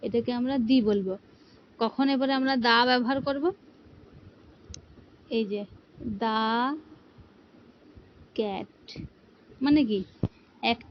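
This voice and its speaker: A woman's voice: on the high side, muffled recording, slight background noise. A woman teaching an English grammar lesson, explaining patiently and asking her students rhetorical questions. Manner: patient, asks rhetorical questions, repeats "ঠিক আছে".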